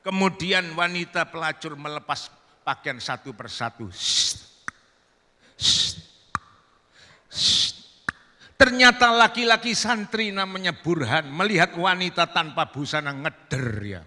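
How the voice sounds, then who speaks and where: A man preaching, telling a comic story in an animated, theatrical way at a large event. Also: sits high, moderate pace. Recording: echoey hall.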